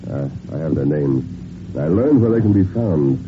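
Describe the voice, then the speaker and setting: An actor playing a tough, resolute masked western hero with an authoritative, emphatic delivery in an old-time radio drama. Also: male voice, very deep voice, lively intonation, normal speed. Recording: narrow, noisy vintage radio recording.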